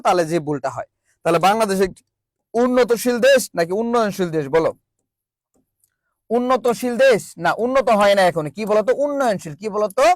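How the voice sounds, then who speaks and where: A man's voice: sits high, dry recording. A man teaching an online grammar class, drilling students with call-and-response and repeating each question. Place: virtual classroom.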